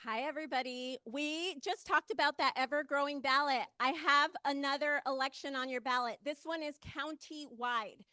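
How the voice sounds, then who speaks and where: Bright, forceful woman making a pitch. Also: moderate pace, few pauses, no echo. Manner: urgent, direct appeals to the audience. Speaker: ballot measure campaigner. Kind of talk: short public advocacy speech.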